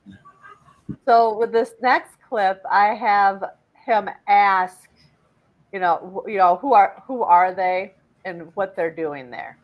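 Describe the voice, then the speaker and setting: Woman host leading a panel, middle pitch, explains with lots of fillers. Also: slow pace, dull audio. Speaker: podcast host and regression facilitator. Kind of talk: panel discussion.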